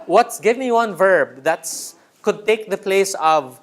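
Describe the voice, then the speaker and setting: A man's voice: high voice, animated, slow pace. A man training a writing workshop in a room, teacherly, repeating key words and checking in with the group. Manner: teacherly, checks in with "right?" often.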